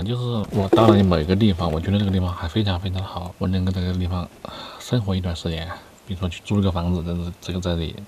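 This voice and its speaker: A man's voice: deep voice, a little mellow, slight background noise. A man in his thirties chatting casually to camera between bites while eating inside a car. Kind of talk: casual mukbang chat.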